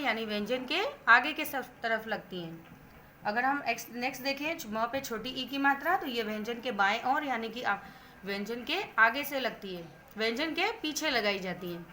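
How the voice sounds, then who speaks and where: A woman teaches Hindi grammar to young children in an online lesson, her voice pitched a little high. She patiently breaks each word into its sounds before saying it whole. A faint background hiss sits under the recording. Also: sharp tone. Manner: patient, spells out words sound by sound.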